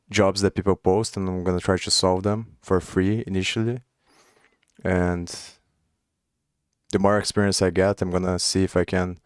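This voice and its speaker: A low-pitched young man from Brazil streams himself coding, casually thinking aloud in accented English, his second language, with restarts and unfinished phrases. His tone is clean, and the recording is dry and studio-clean.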